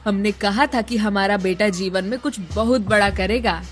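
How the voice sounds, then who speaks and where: A woman's voice: medium pitch, normal speed, faint music behind, lightly acted. A woman playing a rustic indignant mother. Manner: indignant, rustic village speech. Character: middle-aged mother, proud and quick to scold.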